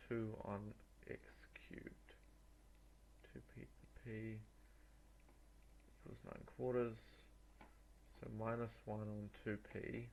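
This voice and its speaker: A low-voiced man tutors maths, talking himself through exam problems in a halting mutter. His delivery is very slow and creaky, with informal asides. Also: a little mellow, a little hiss or hum. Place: voice-over on a screen recording.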